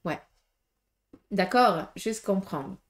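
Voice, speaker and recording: A woman's voice: mid-range voice, expressive, drawn-out words. Woman, Swiss French accent, tarot reader, casual, frank, direct, many fillers. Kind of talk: casual tarot reading for viewers.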